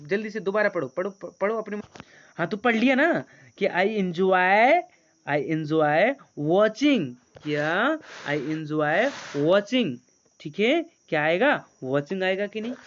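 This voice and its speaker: A male teacher leading an online grammar class, coaxing students and reading English sentences slowly. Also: high-pitched, fairly bright tone, a little hiss or hum. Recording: dull lo-fi sound.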